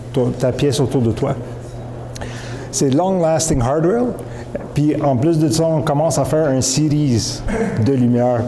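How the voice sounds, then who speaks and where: A man from Montreal with a Quebec French accent, informally pitching his new company's product, with many fillers and restarts and English terms mixed in. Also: warm tone, a little hiss or hum. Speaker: company founder. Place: event hall. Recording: echoey hall with faint ambience.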